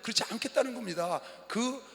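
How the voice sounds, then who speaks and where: A man preaching a sermon as pastor in a large arena, impassioned and often shouting. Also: very high-pitched, fairly quick. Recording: live arena sound with long reverb.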